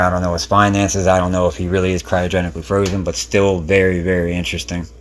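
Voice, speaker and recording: A man hosting a video, giving casual commentary in an informal, rambling, speculative way. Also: on the low side. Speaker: video host.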